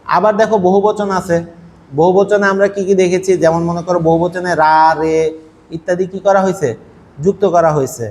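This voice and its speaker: A man's voice: high-pitched, steady tone, a little fast, a little mellow. A man teaching a university language class, explaining patiently and asking his students rhetorical questions. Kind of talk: classroom lecture. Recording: faint noise, long hall echo.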